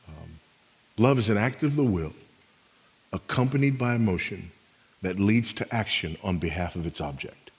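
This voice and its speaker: A man's voice: on the low side, breathy edge, big-room sound. A man preaching a sermon as pastor, emphatic, repeating his key phrases.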